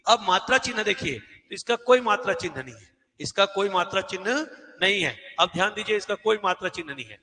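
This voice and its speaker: Bright-voiced man teaching in an echoey hall. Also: high-pitched, expressive, brisk. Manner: asks questions and answers them himself, repeats key words. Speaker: Hindi teacher. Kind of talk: exam-prep classroom lesson.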